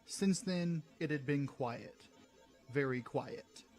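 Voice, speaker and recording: A man narrating his own science fiction story in a steady reading voice. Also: on the high side, takes it slowly. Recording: soft music behind.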